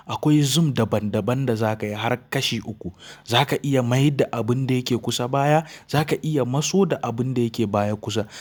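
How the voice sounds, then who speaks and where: A man's voice: medium pitch, darkish tone. Nigerian Hausa man presenting a gadget review. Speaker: tech review channel host. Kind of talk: phone unboxing and review narration.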